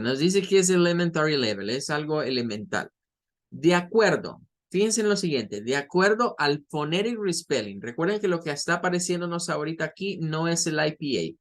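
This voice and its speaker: Man teaching pronunciation, repeating sounds. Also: on the high side. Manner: explains slowly, repeats model sounds aloud. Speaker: English teacher. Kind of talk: online pronunciation lesson.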